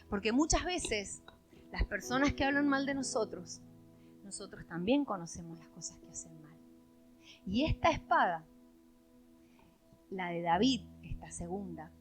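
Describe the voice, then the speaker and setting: A woman pastor with an Argentine accent preaching a sermon, swinging dramatically between loud declarations and hushed lines. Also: mid-range voice. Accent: Argentine Spanish.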